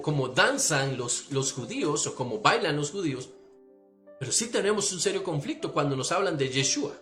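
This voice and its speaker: Animated Costa Rican pastor, lively pitch. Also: male voice. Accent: Costa Rican Spanish. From Costa Rica. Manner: animated, asks listeners if they follow. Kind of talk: teaching sermon.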